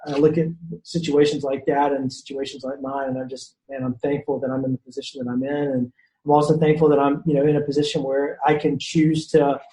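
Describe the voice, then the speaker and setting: With a mid-range voice and a slightly fast pace, a Shreveport-area Louisiana man chats as a podcast guest, animatedly telling casual stories. Fillers and false starts pile up, and the room gives a noticeable echo.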